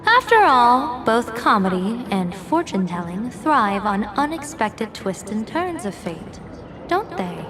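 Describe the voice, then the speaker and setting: A woman's voice: on the high side, big pitch swings, a little slow. A woman voicing a sly young female fortune-teller in a game, teasing, coy and theatrical. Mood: mysterious, coy. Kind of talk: video game voice acting. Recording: music under the voice. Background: music.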